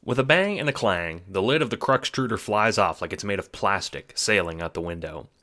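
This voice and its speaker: This man's voice sits on the low side and is expressive, a little fast and sharp in tone. With music playing beneath him, he narrates and produces a scripted story told in the second person, giving it dramatic flair.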